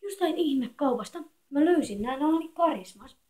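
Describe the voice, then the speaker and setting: Soft-spoken young teen girl vlogging. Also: sits high, lively intonation. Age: 13-year-old girl. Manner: quiet, soft-spoken, rambling and chatty. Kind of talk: casual home vlog. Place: echoey bedroom at home. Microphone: phone camera.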